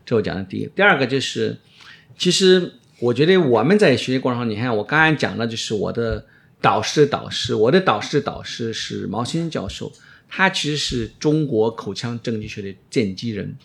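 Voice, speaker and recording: Speaking a little fast with expressive, fairly bright tone and vocal fry, this middle-aged man has a medium-pitched voice. He's an orthodontist in an interview, casual yet emphatic, repeating phrases and slipping in English words.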